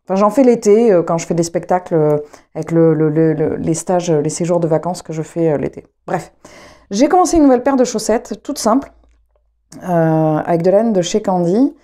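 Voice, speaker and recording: A woman's voice: on the low side, animated, normal speed, dark tone. A young adult woman from France chatting casually to camera, rambling with many fillers and restarts. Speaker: knitting vlogger and trumpet player.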